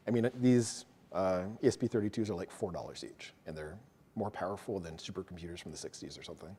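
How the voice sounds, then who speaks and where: Guy giving a live coding talk to a room, mellow voice, rushes along, jokes at himself. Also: sits low, breathy edge. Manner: fast, casual, self-deprecating. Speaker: meetup presenter. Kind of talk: live technical talk with audience questions. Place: meeting room with an audience.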